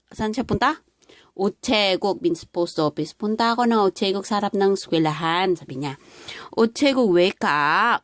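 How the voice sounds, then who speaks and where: A woman's voice: mid-range voice, no room sound, clean studio sound. A woman with a Filipino accent teaching a lesson word by word, with many fillers. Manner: mixes languages, explains word by word with many fillers. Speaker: language teacher. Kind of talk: classroom-style lesson explaining dialogue.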